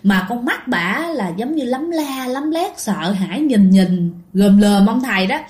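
A woman with a Southern Vietnamese accent telling ghost stories to listeners in a lively, animated way. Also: a little high, measured pace. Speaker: ghost story narrator. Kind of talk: storytelling to listeners. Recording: echoey room.

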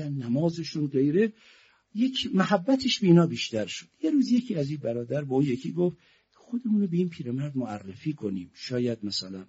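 A middle-aged man preaching a mourning sermon, telling a story that moves from hushed narration to loud, lamenting passages. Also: husky, highs cut off. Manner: starts hushed, builds to loud, high-pitched lament.

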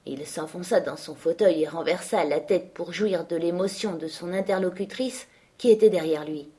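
A woman reading a novel aloud as audiobook narrator, with measured, lowered storytelling delivery. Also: dark tone, breathy edge. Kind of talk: scripted narration.

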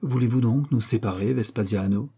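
A man reading aloud voices a composed young nobleman with a calm, dry, gently ironic manner. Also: mid-range voice, moderate pace, slightly rough.

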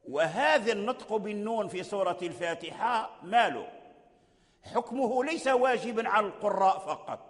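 A man teaching Quran recitation as a sheikh, explaining slowly and repeating his phrases. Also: high voice, lively intonation. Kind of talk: religious lecture. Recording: long hall reverb.

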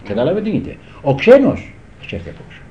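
An older male guitar teacher rambles conversationally about the past, often checking whether his listeners follow him. His voice is slightly high and swings wildly in pitch. The recording sounds like dull old tape in an echoey room.

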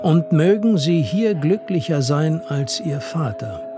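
A man's voice: fairly high pitch, expressive, a little slow. A man voicing an earnest, stern old officer in a radio reading of a novel, with music underneath.

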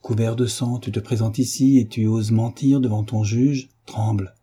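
A man's voice: fairly low pitch, steady tone, moderate pace, dark tone, breathy edge. A man reading the part of a severe village priest who speaks with grave command. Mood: stern. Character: stern, severe male village priest hearing confession.

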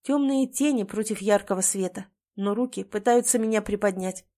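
A woman's voice: mid-range voice, normal speed, warm tone. A woman narrating a dramatic first-person audiobook, voicing the heroine's pleading and panic with strong emotion.

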